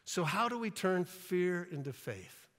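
A man preaching from a church platform, his voice bright and ringing with a slightly raised pitch. He speaks slowly and deliberately, leaning into emphatic lines and acting out scenes in playful asides. The sound carries a long reverb from the sanctuary. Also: sing-song. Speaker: pastor. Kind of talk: sermon.

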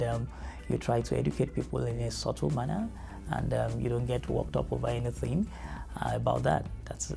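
A middle-aged man with a Nigerian accent speaks in a measured, thoughtful way, his mid-range voice heavy with gravelly fry. He answers questions in a studio interview. Clear background music plays under him. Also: mid-range voice. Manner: measured, earnest, thoughtful with fillers. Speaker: family educator. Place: studio with dark backdrop.

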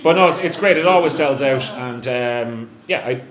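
With crowd noise around him, a middle-aged Irish man from a brewery chats casually on stage as a guest, his mid-range voice moving at a moderate pace. He's self-mocking and often starts over. He uses a handheld mic on a stand in a small live venue room, and the recording has echo and a faint hum.

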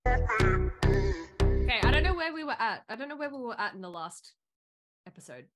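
A woman's voice: on the high side, very animated, moderate pace, over loud music. Giggly woman reacting. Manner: giggly, chatty, laughs often. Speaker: reaction video host. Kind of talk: casual reaction commentary.

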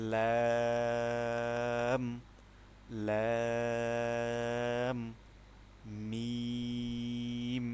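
A man with a Bangladeshi accent teaching the Arabic alphabet in an online lesson. He explains patiently, repeats his points, and draws out each letter sound slowly for students to copy. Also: mid-range voice, a little hiss or hum. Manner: slow, patient, drawn-out letter sounds for pronunciation.

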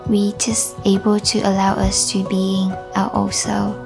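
A graduating student in her late teens, a young woman from Vietnam with a Vietnamese accent, telling her story sincerely in an even tone. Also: medium pitch, a little slow, vocal fry. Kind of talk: personal testimony. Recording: voice over music.

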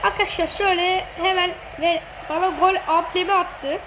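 A woman giving excited commentary over a football video game, teasing and gloating at her opponent and laughing often. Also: very high-pitched, normal speed. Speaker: gamer streamer. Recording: noisy game audio behind.

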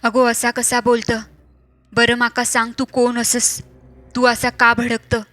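A woman voicing a calm older village woman who performs rituals, coaxing and soothing, with a Malvani accent. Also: a little high, measured pace, no echo.

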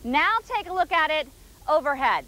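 A woman's voice: high-pitched, lively intonation, bright, forceful tone, poor audio. A woman in her thirties reporting live outdoors on a park lawn, upbeat and chatty, on a lapel mic. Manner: upbeat, chatty, quick-talking. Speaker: TV news field reporter. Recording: faint outdoor background noise.

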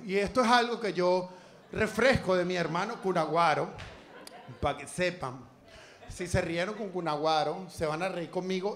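High-voiced Venezuelan comic, crude and teasing. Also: male voice, fairly bright tone. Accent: Venezuelan Spanish. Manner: crude, profane, teasing crowd work. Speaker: stand-up comedian. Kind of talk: live stand-up set. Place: comedy club stage, indoors.

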